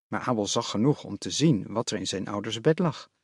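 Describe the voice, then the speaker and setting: Gravelly male audiobook narrator. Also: lowish voice, lively intonation, no echo. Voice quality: measured storytelling.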